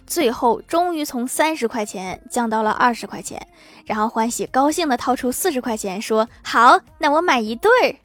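A woman narrating short comic jokes in a scripted style, adding deadpan quips after each one. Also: fairly high pitch. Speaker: joke-telling narrator.

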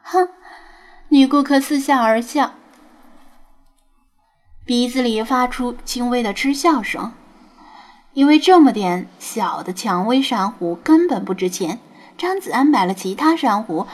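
A woman narrating a web novel audiobook in an even, storytelling manner. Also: a little high, a little slow.

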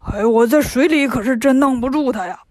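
A woman's voice: high-pitched, fairly quick, a little mellow, no echo, clean studio sound. A woman voicing a whiny pig monk. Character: lazy grumbling male pig monk.

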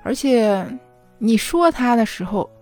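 Over soft background music in a dry recording, a thirty-something mother shares a personal story, confiding and often checking in with the listener. Her fairly high, slightly mellow voice is animated and unhurried, and her tone is earnest and emotional.

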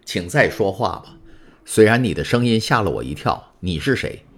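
A desperate young sailor locked away for years pleads through a prison wall, as a man acts him out. His low voice rises and falls with feeling. It is an impassioned storybook reading. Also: lively intonation, moderate pace, slightly rough. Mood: earnest. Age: 20s. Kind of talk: audiobook character voice.

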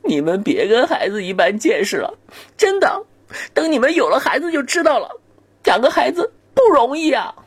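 Dude putting on a crying parent begging, super high teary voice, bit husky. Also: male voice, big pitch swings, moderate pace, dry recording, full character voice. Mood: tearful pleading. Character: weeping parent pleading for a naughty child.

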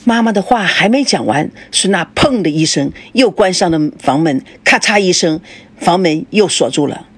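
Husky, animated woman storyteller. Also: on the low side, moderate pace. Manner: expressive, animated reading. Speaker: storyteller host. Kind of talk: scripted story narration.

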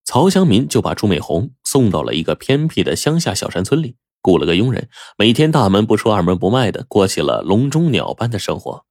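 A man telling a story aloud in a lively, folksy way. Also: lowish voice, dry recording, studio quality. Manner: lively, folksy narration with drawn-out particles. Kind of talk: oral storytelling.

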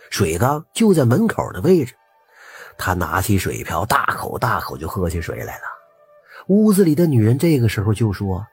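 A man, telling a folk tale in a lively, intimate way with drawn-out particles. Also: fairly low pitch, husky. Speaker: storyteller. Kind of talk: oral folk storytelling.

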